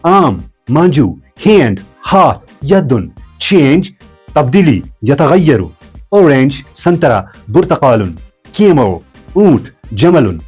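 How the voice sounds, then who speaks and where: A man leads a slow pronunciation drill, his somewhat high voice rising and falling a lot. His tone is slightly husky and he takes his time, repeating each word for learners. Soft music plays faintly underneath. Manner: spells out letters and repeats words slowly for learners. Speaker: language teacher.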